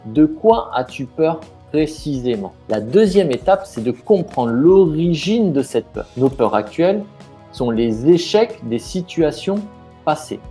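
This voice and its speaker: With faint music in the background, a business mindset coach speaks directly to the viewer in a coaching video, unhurried and sing-song in a fairly high, dark voice. His style is informal and encouraging, with fillers and restarted sentences.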